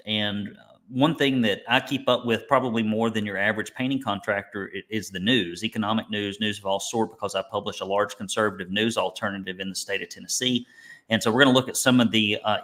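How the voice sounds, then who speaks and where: A fairly low-pitched, slightly bright male voice belongs to an Alabama webinar instructor and business coach. He presents in a Southern Alabama accent, casual and folksy, joking around with vivid turns of phrase.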